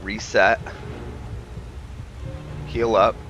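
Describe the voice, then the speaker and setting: A gamer narrates his playthrough in a laid-back way, thinking aloud and mixing in roleplay. His voice is fairly low, level and fairly bright, delivered very slowly, over dull audio with faint background music.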